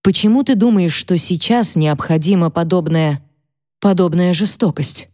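A woman's voice: on the low side, a little mellow, dry recording, clean studio sound, lightly acted. A woman voicing a composed housewife who speaks in a level, careful way. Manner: level, measured, restrained.

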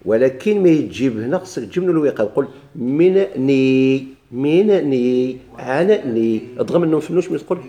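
A man's voice: on the high side, animated, rapid-fire, few pauses, warm tone. A man with a Moroccan Arabic accent teaching a grammar lesson, asking his class questions and answering them himself while he repeats the key points.

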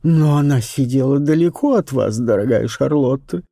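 A motherly aristocratic viscountess, soft and measured, with a mellow, darkish tone, as a male narrator voices her. The voice is dry and close to the mic. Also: mid-range voice, vocal fry, no room sound. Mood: firm. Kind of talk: audiobook character reading.

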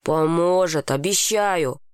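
A woman reading an audiobook, voicing an earnest, hesitant boy in a lowered voice. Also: takes it slowly, clean tone, no echo, clean studio sound. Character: anxious earnest boy, Mason. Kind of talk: audiobook character voice.

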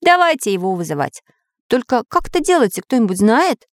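Storybook figure: woman reads a brisk, practical tinkerer. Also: on the high side, big pitch swings, dry recording, studio quality, pitched above the performer's own voice. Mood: lively. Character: handy mechanical male tinkerer, practical and lively.

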